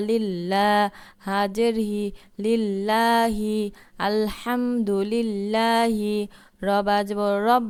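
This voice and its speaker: A woman's voice: mid-range voice, clear, resonant tone. A woman teaching Quran reading, spelling Arabic words letter by letter and reciting them with long drawn vowels.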